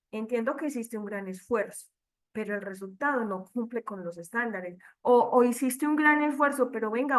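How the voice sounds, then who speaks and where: Woman trainer, higher voice, direct teaching tone on a video call. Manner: direct, addresses listeners as catechists. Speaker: catechist trainer. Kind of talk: online training talk. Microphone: computer mic on video call.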